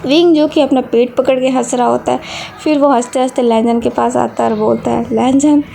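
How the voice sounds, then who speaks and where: A woman reading a fan fiction story aloud in a plain, steady storytelling manner. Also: fairly high pitch, fairly quick, vocal fry, slight background noise.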